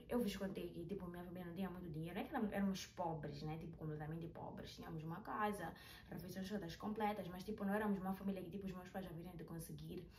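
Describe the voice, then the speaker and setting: Gesturing as she talks, a vlogger in her 20s tells a personal story in a chatty, animated way, her voice on the low side. The small-bedroom recording sounds roomy and slightly distant, with a faint hiss, as the camera sits some way off.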